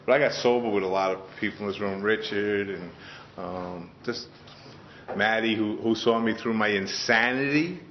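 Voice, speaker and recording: A man's voice: fairly low pitch, slight background noise. A middle-aged man from Queens gives an earnest, heartfelt personal testimony to a group at a meeting, often restarting his sentences. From Queens, New York. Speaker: speaker sharing his story at a recovery meeting. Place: meeting room in front of a group. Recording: dull lo-fi sound.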